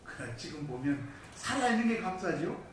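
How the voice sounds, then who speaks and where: A man delivers a sermon with a high, lively voice that leaps up and drops low as he tells his story. He is recorded from a distance in a church, so his words ring through a strongly echoing hall. A faint hiss sits under the sound. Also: a little fast. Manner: dramatic storytelling with sudden loud and soft swings. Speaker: pastor. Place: church sanctuary. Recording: distant mic in a very echoey hall.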